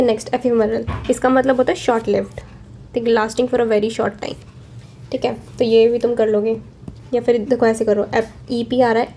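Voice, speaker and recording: Mellow Indian woman teaching vocabulary. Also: on the high side. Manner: explains each word slowly and repeats "ठीक है". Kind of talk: exam-prep vocabulary lesson. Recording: faint background noise.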